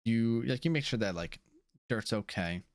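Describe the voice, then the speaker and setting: A man's voice: medium pitch, lively intonation, normal speed, dry recording, clean studio sound. A man running a tabletop game as game master, narrating casually with lots of fillers.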